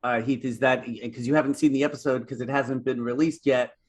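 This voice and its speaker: A man's voice: medium pitch, fairly even intonation, fairly quick, husky. A man hosting a podcast, chatting casually and enthusiastically and steering the talk to the next topic. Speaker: podcast host. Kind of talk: casual chat.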